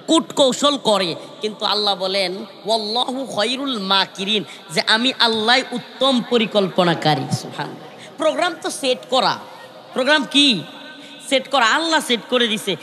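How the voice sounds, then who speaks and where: A man's voice: high-pitched, pushed and bright. A man preaching a night-time Islamic sermon to a large gathering, calling out to the crowd and chanting Arabic verses in a sung tone. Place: large outdoor religious gathering. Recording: long reverb of a big PA.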